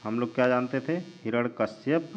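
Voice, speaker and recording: A male teacher giving a spelling lesson, drawing out each word slowly and answering his own questions. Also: mid-range voice, soft background music. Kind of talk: spelling lesson while writing on a board. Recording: dull lo-fi recording with mains hum.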